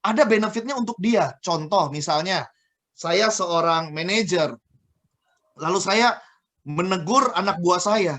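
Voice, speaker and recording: A man, a guest trainer on a radio talk show, explaining communication with lively examples. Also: sits high, a little slow, long pauses. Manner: lively explaining, acts out scolding boss voices.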